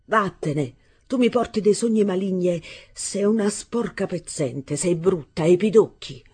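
A furious teenage boy, put on by a woman reader who hurls harsh, scornful insults. His voice is raised and husky, with a dark edge. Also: sits low, lively intonation, normal speed, full character voice.

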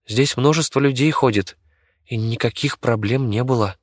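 A man voicing a practical young girl who speaks briskly and grumbles. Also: medium pitch, breathy edge, no room sound, studio quality, pitched above the performer's own voice, close to an everyday voice. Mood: tired grumbling. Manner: brisk, grumbling when calm.

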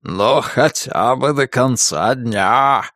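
A man voicing a laid-back, teasing male dragon in an audiobook, slow and mumbling. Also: mid-range voice, fairly bright tone, dry recording, clean studio sound.

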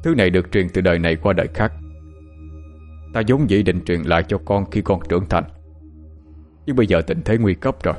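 A man's voice: on the low side, expressive, rapid-fire, few pauses, darkish tone, faint music behind, lightly acted. A man playing a grave middle-aged mandarin father in an audiobook, giving solemn, urgent instructions. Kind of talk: audiobook character acting.

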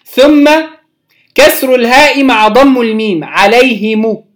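A teacher with an Egyptian accent giving a Quran recitation lesson, patiently explaining and drawing out each recited example word slowly. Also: medium pitch. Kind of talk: recorded religious lesson.

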